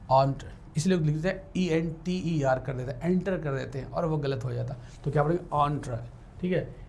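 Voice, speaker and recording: Hindi-speaking man teaching spelling, slightly high voice. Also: vocal fry, darkish tone, slight background noise. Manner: explains in Hindi, switches to English for definitions and spells words letter by letter; keeps checking in with the class. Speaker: English teacher for law entrance exams. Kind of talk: classroom lecture with spelling drills.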